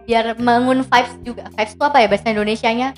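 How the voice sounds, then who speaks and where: A woman with a high, bright voice hosts a casual podcast chat, chiming in and asking questions. Her voice rings in a roomy space, with faint music behind. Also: steady tone. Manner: chatty, quick to laugh and back-channel. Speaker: podcast host.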